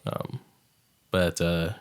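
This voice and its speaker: Speaking very slowly with little pitch movement, a young Saint Lucian man hosts a podcast as a casual monologue. His low, gravelly voice stays reflective and soft-spoken, at times sinking to a hushed near-whisper.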